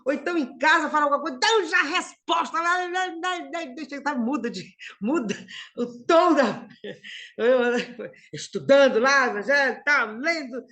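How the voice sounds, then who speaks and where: A woman's voice: high-pitched, unhurried, pushed and bright. A middle-aged woman from Brazil giving a conversational spiritist lecture, calling her listeners brothers and sisters.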